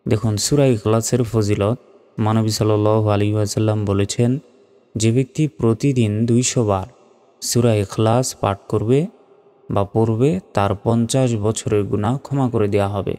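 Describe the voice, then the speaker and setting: A man gives a Quran pronunciation lesson in a dark, gravelly voice that stays flat in pitch. He spells out each Arabic letter and vowel mark one by one, then chants the verse slowly. His voice trails off into a long reverb. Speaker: Quran recitation teacher.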